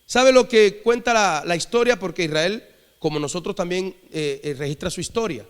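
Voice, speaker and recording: A man's voice: high voice, normal speed, clean tone. A man preaching a sermon, leading the congregation in repeated call-and-response phrases. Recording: long hall reverb.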